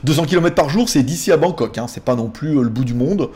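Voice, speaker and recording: Lively, chatty man hosting a vlog. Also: a little high, quick pace. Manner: chatty and rambling, many fillers and restarts. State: tired. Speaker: YouTube tech host. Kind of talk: casual Q&A vlog.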